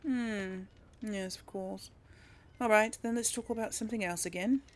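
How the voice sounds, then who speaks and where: A woman with a medium-pitched voice talks at a normal speed. She's a video game streamer role-playing for an audience, offering casual commentary and thinking aloud hesitantly as she plays.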